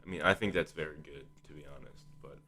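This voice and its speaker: A man's voice: rumbling low, quick pace, sharp tone. A man hosting a casual sports discussion, thinking aloud in a hesitant, conversational way. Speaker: podcast host.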